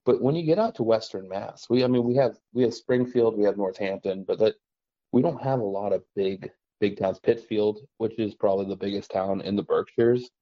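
A podcast host from western Massachusetts talks briskly in a fairly low voice about trapping, casual and rambling with plenty of "like" and "you know." The recording is dry and lo-fi.

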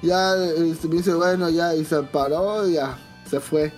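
A woman's voice: deep voice, takes it slowly, soft background music. A woman with a Mexican accent, a podcast guest telling slangy, profane stories in casual chat and acting out the dialogue. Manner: slangy, profane, animated anecdotes with quoted dialogue.

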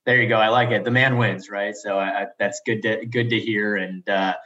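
A man's voice: on the low side, fairly even intonation, moderate pace, pushed and bright. A male interview host who rambles a little, restarting phrases as he steers the talk. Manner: rambling, with frequent fillers and restarts. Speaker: podcast host. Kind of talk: conversational interview. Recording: dull lo-fi sound.

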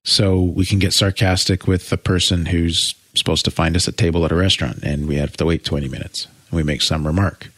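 A man co-hosting a podcast, explaining things in a thoughtful, measured way with long winding sentences. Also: low voice, steady tone, fairly bright tone, dry recording. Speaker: co-host. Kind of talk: casual explanatory chat.

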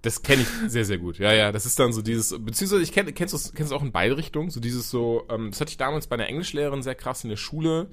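A young man chatting casually as a podcast host, animated and quick to act out what people said, with casual swearing. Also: medium pitch. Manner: animated, swears casually, acts out quoted exchanges. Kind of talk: casual chat.

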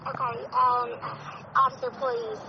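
A woman heard through a phone on speakerphone, pleading in a halting, stammering way as a caller. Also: high-pitched, little pitch movement, a crowd in the background. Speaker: caller, sister of the arrested man. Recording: muffled phone speaker with loud noise.

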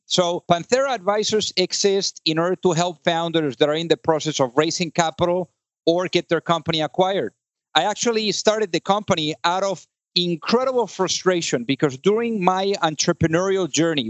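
Male podcast host, upbeat interviewer, slightly higher voice, dry close mic, restarts his phrasing often. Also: no room sound. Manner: upbeat, repeats words while searching for phrasing.

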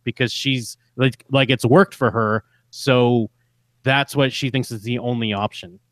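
A man's voice: mid-range voice, steady tone, a little slow, fairly bright tone, dry recording. A man co-hosting a casual podcast about a TV show, talking hesitantly with lots of fillers and restarts. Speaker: podcast co-host. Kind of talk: casual chat reviewing a TV show.

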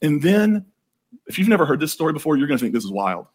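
A man preaching a sermon in a casual, jokey way, telling the story with animated asides. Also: fairly high pitch, fast, breathy edge.

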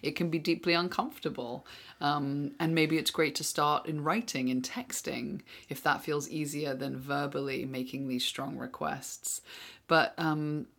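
A woman's voice: deep voice, steady tone, a little slow, vocal fry, fairly bright tone. A woman co-hosting a podcast, speaking in an earnest, reflective way during a casual discussion. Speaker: podcast co-host.

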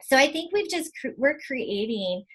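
A woman's voice: high voice, moderate pace, slightly rough. Chatty woman, laughs a lot. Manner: animated, laughs often, acts out quotes. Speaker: podcast guest. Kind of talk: casual conversation.

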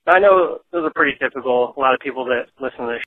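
A man's voice: mid-range voice, fast talker, no room sound. Tinny voicemail from a man in his thirties. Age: 30s. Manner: hesitant, filler-heavy, deadpan. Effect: voice message played over a phone line. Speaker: listener leaving a voicemail. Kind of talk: rambling casual voicemail. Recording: tinny phone-line voicemail.

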